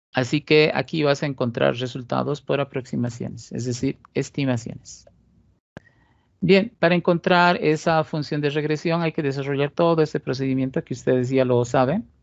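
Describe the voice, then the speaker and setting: This male teacher, speaking Bolivian Spanish with a Cochabamba accent, explains statistics step by step in a recorded lecture, asking rhetorical questions and frequently saying "¿listo?". He has a mid-range voice with vocal fry. There's no room sound, and the highs are cut off.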